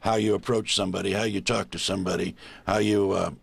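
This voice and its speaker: A low, gravelly man talks in a relaxed, halting way. His husky voice has no room sound around it. He sounds like a volunteer chatting in a recording booth. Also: no room sound. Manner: easygoing, halting with many pauses. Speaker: volunteer reader. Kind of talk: casual interview chat.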